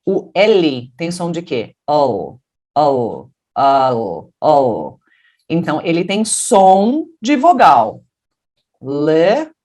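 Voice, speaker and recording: Brazilian woman teaching english sounds, slow and bouncy, drops her voice low to demo words. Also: darkish tone. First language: Portuguese. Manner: explains slowly, then models English words in a deeper voice. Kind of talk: pronunciation lesson.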